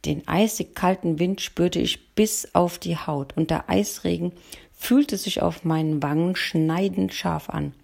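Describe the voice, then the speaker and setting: Low, gravelly woman telling a story. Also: measured pace. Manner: calm first-person storytelling. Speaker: narrator. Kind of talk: audiobook reading.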